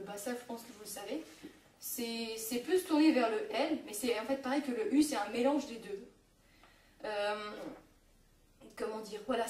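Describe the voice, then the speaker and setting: A woman's voice: fairly high pitch, a little mellow, a little hiss or hum. A young woman from France teaching a casual home-made language lesson, hesitant with many fillers and self-corrections. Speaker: online Japanese teacher. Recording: echoey room, mic at a distance.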